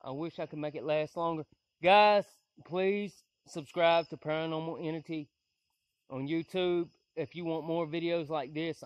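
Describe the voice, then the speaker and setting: Frightened man, ghost-hunting vlog, high-pitched voice, hushed asides and loud calls, outdoors in woods, dry close sound. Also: dry recording, highs cut off. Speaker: paranormal investigator vlogger.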